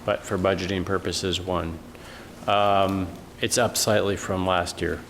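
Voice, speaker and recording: A man's voice: deep voice, flat delivery, a little slow, a bit bright. A man giving an informal report at a meeting, as a staff member going over a budget. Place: meeting room, indoors. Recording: very reverberant room, faint noise.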